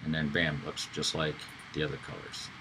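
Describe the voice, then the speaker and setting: A man giving a casual screen-recorded software tutorial, talking loosely with fillers and self-corrections. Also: rumbling low, level tone, normal speed, background noise. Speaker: instructor.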